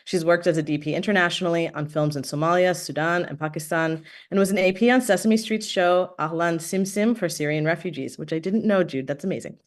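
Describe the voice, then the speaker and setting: A woman's voice: lowish voice, a little fast, few pauses. Woman moderator with many fillers. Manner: speaks with frequent "um" and "uh" fillers. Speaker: panel moderator. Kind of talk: panel introduction.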